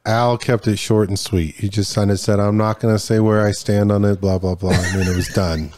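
A man's voice: on the low side, level tone, brisk, background noise. A man co-hosting a casual podcast, teasing the others with dry quips. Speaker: podcast co-host.

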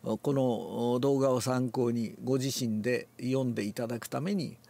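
An older man, relaxed and musing aloud, explains a classical Japanese text before reading it aloud and demonstrates with his voice. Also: medium pitch, moderate pace, creaky. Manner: relaxed, talks to himself, demonstrates accents aloud. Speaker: reading teacher.

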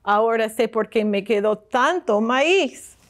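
A woman's voice: on the high side, animated, slow pace. A woman voicing a grown daughter who indignantly questions her mother in a storybook read-aloud. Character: grown daughter Blanca, annoyed by noise.

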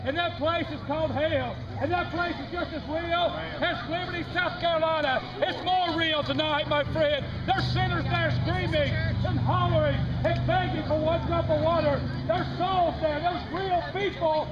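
A man's voice: very high-pitched, fairly even intonation, normal speed, hardly any pauses. A middle-aged man with a Southern US accent street preaching outdoors, pleading and repeating "my friend" again and again. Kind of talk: open-air street preaching. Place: small-town street corner outdoors. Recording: muffled outdoor phone video, crowd and traffic. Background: crowd and traffic noise.

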